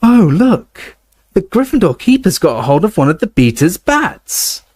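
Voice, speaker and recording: A man's voice: high-pitched, huge pitch swings, moderate pace, warm tone, dry recording, clean studio sound, pitched above the performer's own voice. Man doing a dreamy, vague young witch. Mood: excited.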